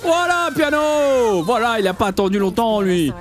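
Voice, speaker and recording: A man's voice: very high-pitched, very animated, normal speed, soft background music. A young man with a French accent reacting to animations in slangy, exclamatory casual commentary. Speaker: reaction video host.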